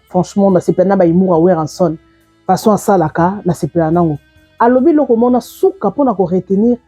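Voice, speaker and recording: Woman, mellow husky voice, dry close sound, opinionated commentator, faint music. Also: medium pitch, no room sound. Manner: opinionated, talking straight to viewers. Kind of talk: video commentary. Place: South Africa.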